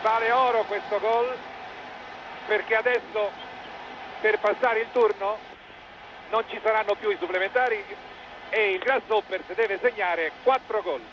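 A man's voice: high-pitched, unhurried, pauses often, noisy background. An Italian man giving live football match commentary in clipped phrases, rising with the play, on an old television broadcast.

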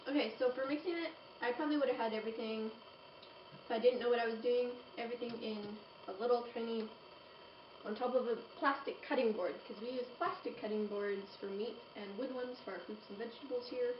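A young woman talks her way through a recipe with a fairly high, chatty voice, tossing out playful asides while she works. She stands back from a camera across a roomy kitchen, so she sounds distant and echoey. The dull home video audio carries a clear hiss underneath. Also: fairly even intonation, brisk. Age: young adult. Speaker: home cooking vlogger. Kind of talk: casual cooking demonstration. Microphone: camera across the room.

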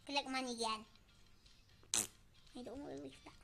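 Excitable high-voiced woman gamer. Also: a little fast, gravelly, heavy background noise. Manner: excitable, chanting "go, go" and "boom". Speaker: gameplay streamer. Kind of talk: excited gameplay commentary.

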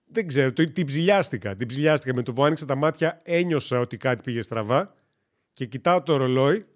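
A man's voice: medium pitch, lively intonation. A man from Greece chatting casually on a gaming live stream, rambling and joking as he tells stories and corrects himself.

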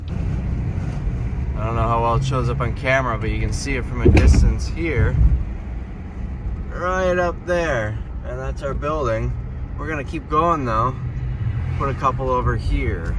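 Filming himself with a phone at arm's length, a young adult from the US rambles matter-of-factly in a casual vlog about the warehouse sale he runs, working as he talks. His voice is medium-pitched and the audio is very noisy. He moves between the warehouse interior and outdoors by the road.

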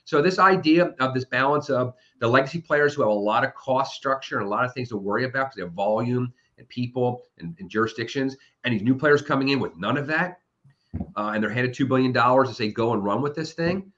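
A man's voice: mid-range voice, fairly bright tone. Man analyst with a dull lo-fi sound. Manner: quick, thinking-aloud delivery with frequent restarts. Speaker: automotive industry analyst. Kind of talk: conversational interview answers.

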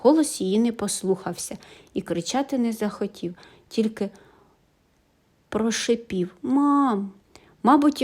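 A woman reads a children's fairy tale aloud in a warm storytelling style, at a middle pitch. She plays up the sound words and keeps the narration lively and clear. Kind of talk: audiobook fairy tale reading.

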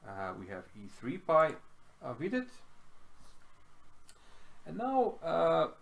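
A man's voice: fairly high pitch, wildly swooping pitch, slow pace, vocal fry, narrow, tinny audio. A middle-aged man from Iceland casually talking through a chess game at home, thinking aloud with lots of fillers. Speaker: chess commentator. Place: small room at home.

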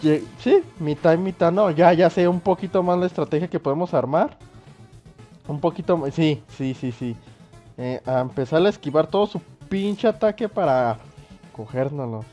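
A young man with a Mexican accent giving let's play commentary on a game. He is excitable, swears a lot and yells at the screen. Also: a little high, normal speed. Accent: Mexican Spanish. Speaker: gaming YouTuber. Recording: dull lo-fi sound with faint game music.

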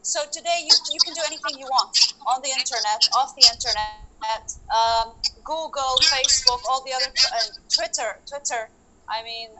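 A woman's voice: high voice, bright, forceful tone, low-quality recording. A woman in her thirties introducing herself on a video call as an investment advisor, polite with hesitant restarts. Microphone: laptop mic on a video call.

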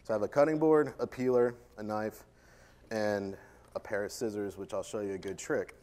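Joking chef doing a live cooking demo. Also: male voice, lowish voice, steady tone, moderate pace, a little mellow. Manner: joking, chatty, self-deprecating, playful with the audience. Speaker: chef giving a cooking demonstration. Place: conference stage before an audience.

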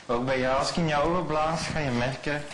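A man working as a stage hypnotist, repeating slow, soothing suggestions and often dropping his voice to a hush. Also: on the high side, background noise. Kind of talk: hypnosis show patter.

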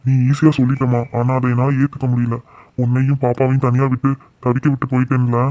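Brief: middle-aged cartoon father voiced by a man, mellow, fast, caring but insistent. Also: mid-range voice, monotone, no echo, close to an everyday voice. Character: middle-aged village husband and father, remorseful. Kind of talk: cartoon drama voice acting.

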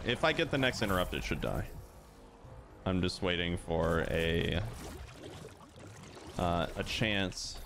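A man giving relaxed, explanatory commentary over a game he is playing, with plenty of fillers as he talks through each move. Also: low voice. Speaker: gaming channel host. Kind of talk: casual gameplay commentary.

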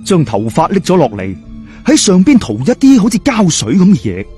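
In a Cantonese accent from Hong Kong or Guangdong, a man narrates a scripted horror story with dramatic, suspenseful storytelling flair. His voice is slightly high and a little mellow.

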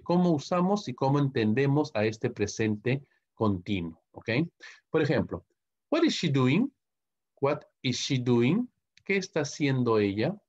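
A man's voice: medium pitch, darkish tone, husky. A man from Peru with a Peruvian Spanish accent, teaching English grammar in a recorded online lecture and stopping often to ask "¿ok?". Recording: muffled lo-fi audio.

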